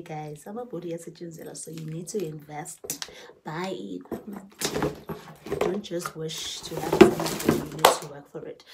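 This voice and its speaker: Recording a haul vlog indoors in her bedroom, a low-voiced woman holds her phone camera at arm's length and talks informally, often repeating herself and dropping into Zulu. The clip carries heavy noise.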